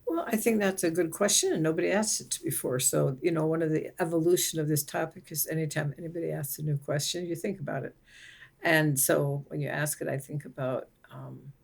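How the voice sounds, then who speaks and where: A woman author speaking as a guest in a podcast interview, explaining her ideas in a reflective, measured way. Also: low-pitched, vocal fry. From Nigeria. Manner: reflective, explanatory, occasional restarts. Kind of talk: conversational interview.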